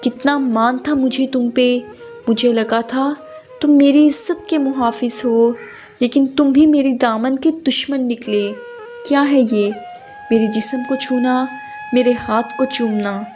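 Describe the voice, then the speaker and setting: A woman's voice: high-pitched, steady tone, darkish tone, faint music behind, lightly acted. Woman reading as a fierce wronged young woman. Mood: bitter scolding. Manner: angry, scolding.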